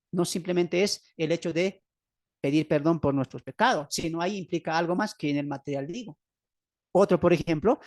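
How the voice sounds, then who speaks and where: A man's voice: on the high side, a little mellow, no echo. Man, Bolivian Spanish accent, Bible teacher, online lesson over a video call, asks and answers his own questions, dry close sound. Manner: asks the listeners rhetorical questions, then answers them; emphatic, repeats key phrases.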